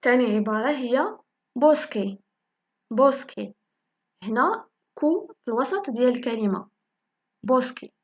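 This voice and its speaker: Moroccan woman teaching letters slowly. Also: high voice, expressive, highs cut off. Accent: Moroccan Arabic. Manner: slow, repeats each word several times for learners. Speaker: language teacher. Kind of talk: spoken lesson in Moroccan Darija.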